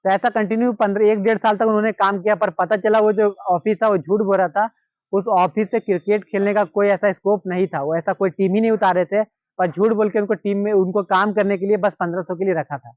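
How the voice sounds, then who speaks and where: High-voiced Indian man retelling a story. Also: fairly even intonation, fairly quick, darkish tone, no room sound, dull audio. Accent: Hindi-speaking Indian. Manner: repetitive, conversational retelling with quoted dialogue. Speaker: cricket storyteller. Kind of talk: casual storytelling narration.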